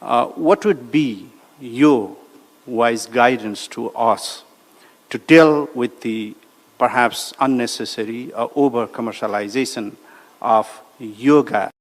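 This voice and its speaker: Hesitant diplomat from Nepal in a hall. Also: male voice, mid-range voice, slow. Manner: hesitant, with many fillers. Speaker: diplomat asking a question. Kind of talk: formal question at a panel. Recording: long reverb in a large hall.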